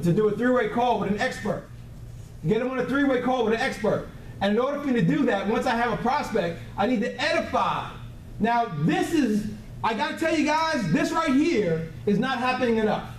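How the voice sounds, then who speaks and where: Speaking very fast in a very high voice, a man delivers a motivational sales training seminar to a live group in an indoor training room. He is blunt and emphatic, repeating key words for effect and often checking that everyone follows. The room is echoey, the mic distant, and there is faint noise.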